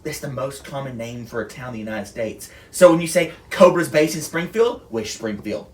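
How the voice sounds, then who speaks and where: A young man hosting a casual podcast, cracking deadpan dark jokes. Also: mid-range voice, moderate pace. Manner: joking, deadpan dark humor. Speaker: podcast host. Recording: echoey room, distant from mic.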